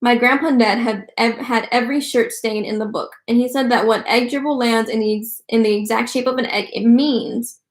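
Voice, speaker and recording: A woman voicing a scheming little boy from a storybook who talks in a hushed, dramatic, plotting way. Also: a little high, steady tone, normal speed, few pauses, natural voice. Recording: roomy echo.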